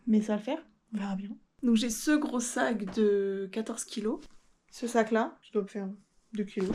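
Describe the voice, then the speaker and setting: Young French woman, casual travel vlogger; candid and slightly nervous, fairly high voice, handheld camera with faint noise behind. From France. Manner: chatty, candid, a little nervous. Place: on the road, partly outdoors.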